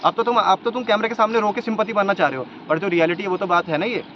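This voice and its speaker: A man's voice: high voice, fairly even intonation, racing. A young man vlogging outdoors, laying out his points one by one in an argumentative commentary. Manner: argumentative, makes points in a row. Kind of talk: commentary vlog. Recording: slightly dull lo-fi sound with faint noise.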